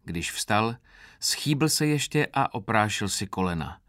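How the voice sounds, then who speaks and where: Audiobook narrator, man, low bright voice, dry close sound, wry calm read. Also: dry recording. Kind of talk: first-person literary narration.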